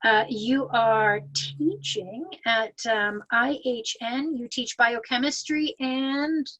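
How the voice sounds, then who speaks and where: A woman's voice: a little high, slow, a bit bright, poor audio. A woman hosting a webinar, introducing the guest speaker with a few "uh"s, over a computer mic. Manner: with "uh" and "um" fillers. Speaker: webinar host. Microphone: computer mic on a video call.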